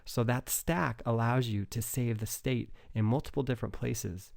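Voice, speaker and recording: A man's voice: mid-range voice, fairly even intonation, normal speed, vocal fry, a little mellow, no room sound, clean studio sound. A man explaining programming step by step in a methodical screencast tutorial. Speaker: programming instructor.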